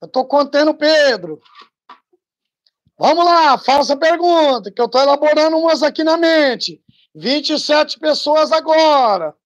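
A woman's voice: sits high, expressive, a little slow, dull audio. A woman chatting as a guest on a casual live stream, encouraging and rallying viewers.

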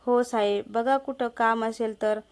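A woman's voice: a little high, steady tone, measured pace, a little mellow. A woman voicing a meek, drunken village husband who defers to his master.

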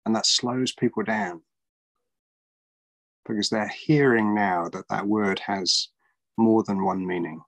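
Speaking slowly with long pauses, this middle-aged podcast host chats casually with an interview guest over a video call from a small home room. His lowish, gravelly voice is a bit bright, and there's no echo. He sounds thoughtful, with many fillers and restarts.

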